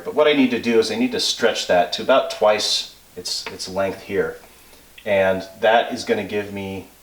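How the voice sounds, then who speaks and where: Male instructor, fairly low voice, informal hands-on technical explainer, pauses to check himself, recorded away from the mic. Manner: halting, self-checking, thinking aloud. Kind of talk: informal technical explanation, working through calculations aloud. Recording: roomy echo, distant microphone.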